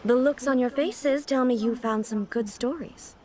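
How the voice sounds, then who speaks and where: A woman voices a regal, thoughtful goddess from a video game. Her voice sits fairly high, and she speaks formally and deliberately, with dignified reserve. Music is clearly heard underneath. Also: darkish tone, natural voice. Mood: calm, intrigued. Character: dignified, composed female deity ruler, thoughtful and reserved. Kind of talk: video game character dialogue.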